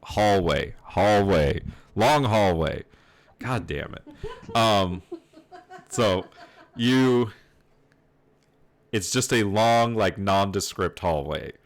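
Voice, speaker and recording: A man narrating as game master in a tabletop game over voice chat, his voice dropping out on a bad connection, talking haltingly with many filler pauses. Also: lowish voice, lively intonation. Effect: bad online connection, voice cutting out. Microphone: headset or desk mic on voice chat.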